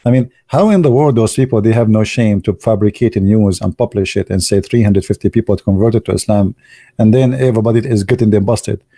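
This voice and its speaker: Playful joking man with a mellow voice. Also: fairly low pitch, a little fast, dry recording, clean studio sound. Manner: playful, teasing, non-native English phrasing. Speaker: video commentator. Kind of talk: joking commentary.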